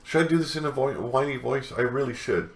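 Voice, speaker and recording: A man's voice: mid-range voice, brisk, echoey room. A man hosting a wrestling news show, delivering a scornful rant full of profanity. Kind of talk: ranting news commentary.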